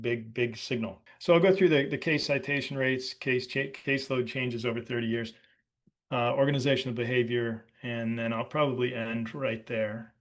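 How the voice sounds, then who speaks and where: Casual American man explaining law. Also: mid-range voice. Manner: conversational, loose with restarts, sardonic asides. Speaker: podcast host.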